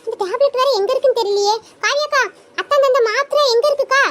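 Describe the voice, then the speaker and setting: A woman voicing a worried young girl in a cartoon, firing off anxious questions in a very high voice. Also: fast talker, no echo. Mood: questioning. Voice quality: very high, bright. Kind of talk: cartoon voice acting.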